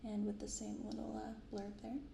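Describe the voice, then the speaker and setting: Speaking in a monotone at medium pitch, a creaky-voiced woman hosts a card-opening ASMR channel with soft, gentle, unhurried casual commentary. A binaural microphone captures her along with a roomy echo and clearly audible background noise.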